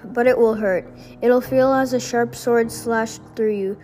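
A woman's voice: on the high side, fairly even intonation, a little slow, mellow, faint music behind, natural voice, poor audio. A woman voicing a cruel old female sea witch while reading a fairy tale aloud, stumbling and rereading words. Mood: stern.

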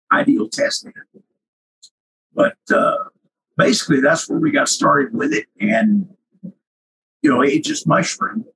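An older man with a cracking, husky voice and sinus trouble, reminiscing casually and haltingly as an interview guest. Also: on the high side, sharp tone, poor audio. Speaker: interview guest, retired researcher.

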